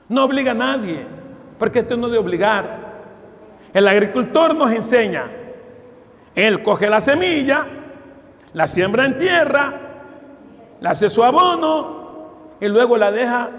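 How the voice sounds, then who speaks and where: High-voiced pastor in his sixties. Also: fairly bright tone. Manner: fervent preaching, addresses listeners as brother; tells stories with quoted dialogue. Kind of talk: sermon. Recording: long hall reverb.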